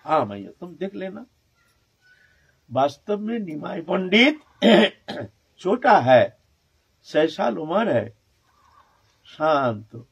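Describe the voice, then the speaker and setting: A male monk, delivering a devotional storytelling sermon in an emotive manner that swings from hushed to fervent. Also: on the high side, vocal fry, husky, dull audio. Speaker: monk preacher.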